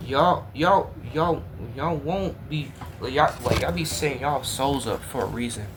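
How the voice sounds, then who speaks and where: A man's voice: medium pitch, a little slow, noisy background. A man hosting a reaction video, talking casually to viewers in an exasperated, repetitive way.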